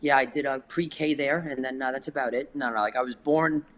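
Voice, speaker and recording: A man's voice: medium pitch, fairly even intonation, a little fast, a bit bright, slight background noise. Easygoing New guy, rambling. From New York. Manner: rambling, many "like" fillers. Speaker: podcast guest, skateboarder. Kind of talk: casual chat.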